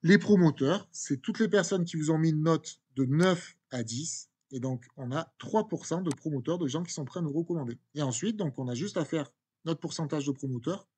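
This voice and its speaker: A man's voice: on the high side, normal speed, darkish tone, breathy edge. A man teaching, walking students through an exam correction in a conversational way, with fillers and restarts. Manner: conversational, repeats words, many fillers and restarts.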